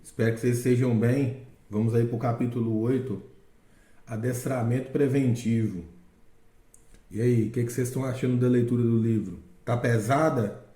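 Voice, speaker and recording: Mellow man in an echoey room. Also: medium pitch, steady tone, normal speed. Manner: explanatory, with frequent rhetorical check-in questions. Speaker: host of a book-reading channel. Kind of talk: casual spoken commentary.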